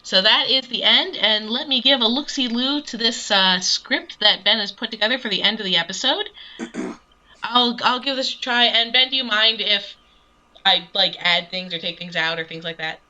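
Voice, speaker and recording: A woman's voice: fairly high pitch, moderate pace, sharp tone. A woman co-hosting a podcast, chatty and agreeable in casual talk. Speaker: podcast co-host. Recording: dull lo-fi sound.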